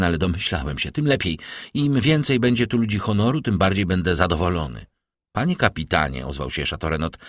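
A man narrating a classic novel as an audiobook, lifting his pitch for the characters' lines. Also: no room sound, clean studio sound.

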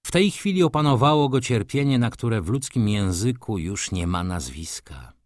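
A man with a fairly low voice reads a classic novel aloud, measured and dramatic. He moves between hushed passages and intense ones. The sound is dry and close. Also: expressive, no room sound. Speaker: audiobook narrator. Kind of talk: dramatic literary reading.

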